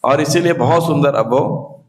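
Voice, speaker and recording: Male teacher, slightly high voice, quizzes the class, mixes in English. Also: poor audio. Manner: questions the class, mixes in English, chants verses slowly. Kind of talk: scripture class lecture.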